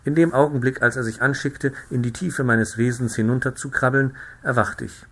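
Mann mit heller, lebendiger Erzählstimme. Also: male voice, medium pitch, moderate pace. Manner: lively, expressive storytelling. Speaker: audiobook reader. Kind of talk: literary audiobook narration.

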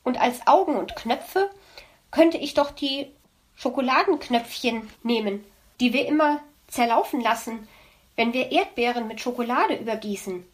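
A woman voicing an excitable little boy hedgehog in a storybook, bubbly and eager. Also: moderate pace, close to an everyday voice. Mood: gleeful. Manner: bubbly, eager, high-spirited.

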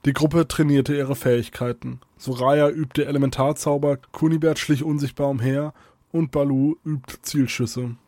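A man reads a fantasy adventure aloud in a steady, even storybook voice. His pitch sits in the middle, and the sound is dry and close with no room echo. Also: moderate pace. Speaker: narrator. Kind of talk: scripted storybook narration.

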